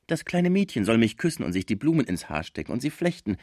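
A man reading aloud, voicing a gentle, grieving old German man. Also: mid-range voice, very animated, quick pace, dry recording, clean studio sound. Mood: tender.

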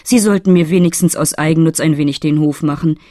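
A woman's voice: deep voice, fast, warm tone, no room sound, clean studio sound, natural voice. A woman voicing a coy, flirtatious female fairy who talks around things in an audiobook. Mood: teasing. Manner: coy, roundabout, fussing. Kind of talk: audiobook reading.

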